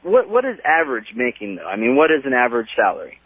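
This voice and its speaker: Speaking quickly with a mid-range voice whose pitch swoops wildly, this early-twenties American caller chats casually on a radio phone-in. There's no room sound, just the tinny quality of a phone line on air.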